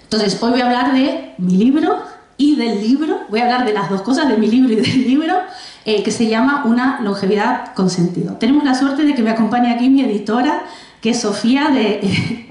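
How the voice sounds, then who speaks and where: An Argentinian woman in her forties presents her first book to an audience in a public library room, and the space is very echoey. Her voice is on the high side with lively intonation, a moderate pace and a slightly mellow quality. She's chatty, often restarting sentences and slipping in asides.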